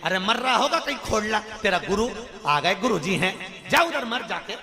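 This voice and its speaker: A woman's voice: medium pitch, lively intonation, moderate pace, roomy sound, in a large hall, pitched above the performer's own voice. A male preacher voicing the rude, scolding wife of a guru who chases a visitor away. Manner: rude, shouting, chasing off.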